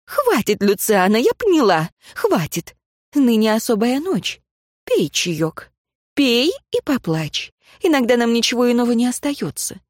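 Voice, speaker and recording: A woman's voice: a little high, big pitch swings, measured pace, no room sound, studio quality. Woman reading as a folksy shrewd older village woman. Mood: soothing. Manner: folksy speech with homely diminutives.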